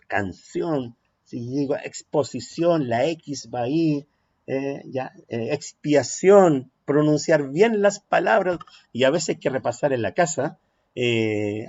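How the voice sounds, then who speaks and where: Man teaching. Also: mid-range voice. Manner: lively, emphatic, with pauses and "¿ya?" check-ins. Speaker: preaching workshop teacher. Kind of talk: online workshop lesson. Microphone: computer mic on a video call. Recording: dull, lo-fi sound.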